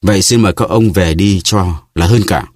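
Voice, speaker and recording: A man's voice: sits low, normal speed, a little mellow, no echo, clean studio sound. A man voicing a refined, mocking musketeer. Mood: ironic. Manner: ornate, ironic politeness.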